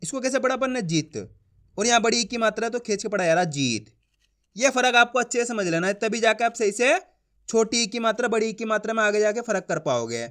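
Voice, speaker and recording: Man with a high voice, Hindi reading teacher, patient, repeats points, sounds out syllables slowly. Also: fairly bright tone. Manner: patient, repeats each point and checks understanding; addresses viewers as friends. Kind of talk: online beginner lesson.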